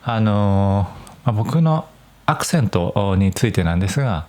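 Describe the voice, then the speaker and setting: A young man from Nagoya, Japan, hosts a solo podcast for language learners in a lowish voice at a moderate pace. His Japanese is mostly standard with slight Nagoya touches, and he explains clearly and carefully in a relaxed, chatty way.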